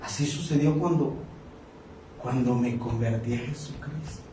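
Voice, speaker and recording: A man's voice: mid-range voice, unhurried, warm tone, a little hiss or hum. A man preaching an impassioned sermon, acting out the voices of the people in his story. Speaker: pastor. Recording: echoey hall, mic at a distance.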